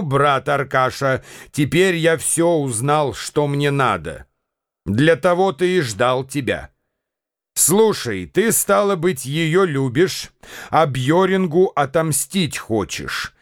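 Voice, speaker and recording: A man's voice: medium pitch, no room sound, clean studio sound. A man doing a sly, sneering swindler. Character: scheming, mocking young male swindler. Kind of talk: radio drama reading.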